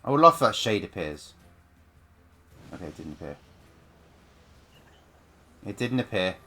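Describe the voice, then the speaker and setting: A male streamer with a low, bright-edged voice talks through a game in casual commentary, tossing off sarcastic asides. Faint game music runs under him on a desk mic. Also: very animated, measured pace. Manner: sarcastic, offhand remarks. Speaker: let's play streamer.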